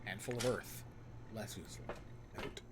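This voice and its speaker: A man's voice: fairly low pitch, normal speed, heavy background noise. A man giving casual video game commentary, thinking aloud and reading on-screen text, with muttered asides. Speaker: gamer playing and commenting on an RPG.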